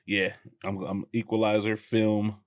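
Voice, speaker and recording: A man's voice: fairly low pitch, flat delivery, measured pace, no room sound, studio quality. Easygoing podcast co-host man. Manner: easygoing, lots of agreeing fillers. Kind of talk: casual chat.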